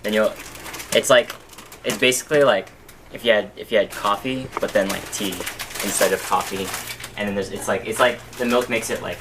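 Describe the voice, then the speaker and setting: A woman's voice: rumbling low, fairly even intonation, fairly quick, background noise. A woman chatting casually, explaining things in a loose, informal way. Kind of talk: casual chat.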